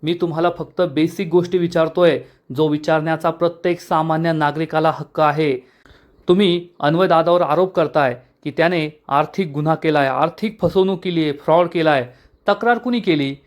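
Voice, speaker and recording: A man reading a calm, insistent young husband. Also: fairly high pitch, moderate pace, close to an everyday voice. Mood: firm. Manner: polite but insistent questioning. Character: calm, firm young husband arguing his rights.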